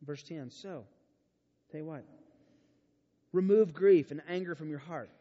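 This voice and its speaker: A man preaching a sermon at a youth camp, animated and storytelling, moving from hushed to emphatic. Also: fairly high pitch, unhurried. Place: large church auditorium. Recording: dull sound with long hall reverb.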